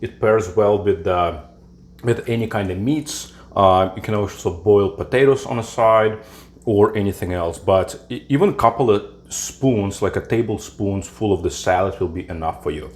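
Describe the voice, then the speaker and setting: Low-voiced man hosting a cooking show. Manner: relaxed, halting explanations with fillers. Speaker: cooking channel host. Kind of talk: home cooking tutorial. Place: home kitchen.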